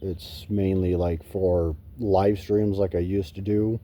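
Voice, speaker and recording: A man's voice: sits low, little pitch movement, takes it slowly, warm tone, slight background noise. A man chatting casually and rambling to his viewers as a gaming vlogger, recorded on a phone. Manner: swears casually. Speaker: gaming YouTuber.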